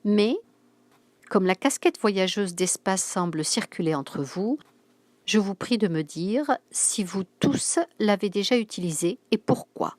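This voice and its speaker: A woman's voice: medium pitch, unhurried, dry recording, close to an everyday voice. Woman reading as a stern old headmistress. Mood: formal. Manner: loud, formal and commanding. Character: stern elderly female school headmistress.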